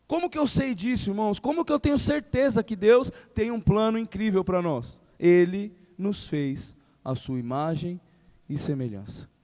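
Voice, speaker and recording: A male pastor, preaching a lively sermon that acts out everyday speech and builds to emphatic questions. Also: high-pitched, normal speed. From Brazil. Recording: long hall reverb.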